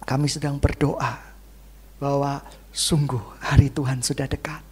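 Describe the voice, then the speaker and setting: A woman pastor preaching a church sermon, swinging between loud exclamations and hushed near-whispers. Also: extremely low pitch, flat delivery, measured pace, slightly rough.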